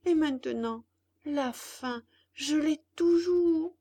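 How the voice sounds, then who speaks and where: A woman's voice: sits high, takes it slowly, dark tone, voice pushed up. A woman voicing a hungry, bratty wooden puppet boy in a storybook reading, whining and demanding. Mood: complaining.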